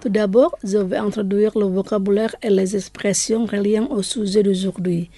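A woman hosting a scripted radio language lesson, speaking slowly and repeating each phrase twice. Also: mid-range voice, flat delivery, mellow, soft background music.

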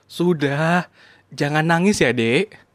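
A gentle young man's voice, low for the performer and soothing, comforting a crying child, as a woman plays him. It is a scripted radio dialogue for a language lesson. He speaks calmly and kindly throughout. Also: takes it slowly, dry recording, studio quality.

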